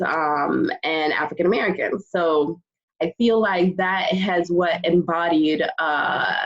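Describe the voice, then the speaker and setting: A woman from Connecticut, a guest on a podcast, talking calmly about her background and sounding a little tired. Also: on the low side. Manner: calm, thoughtful, many ums. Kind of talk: relaxed interview talk. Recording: dull lo-fi sound.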